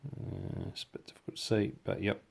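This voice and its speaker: A man with a New Zealand accent and a gravelly voice, giving a casual hands-on hobby demonstration in halting, unscripted phrases. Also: little pitch movement, darkish tone. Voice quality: gravelly, low voice. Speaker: hobby tutorial presenter.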